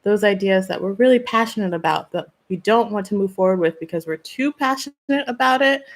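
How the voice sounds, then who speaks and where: This woman, at a medium pitch, runs a live stream where she acts as a spiritual channeler. Earnest in tone, she asks questions, gently advises and responds to viewers personally by name.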